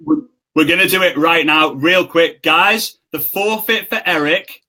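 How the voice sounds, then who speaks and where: A young man hosting a live stream, excitable and salesy, joking with his guest and pitching offers to viewers. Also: measured pace. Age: young adult. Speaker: host. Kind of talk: casual live-stream chat.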